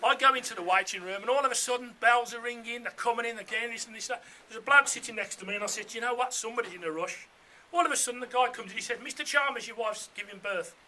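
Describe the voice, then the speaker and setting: High, bright-voiced man speechmaking. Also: quick pace, few pauses, a little hiss or hum. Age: middle-aged. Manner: jokey, anecdotal, conversational. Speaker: father of the bride giving a speech. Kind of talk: informal wedding speech with comic anecdotes. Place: room full of wedding guests.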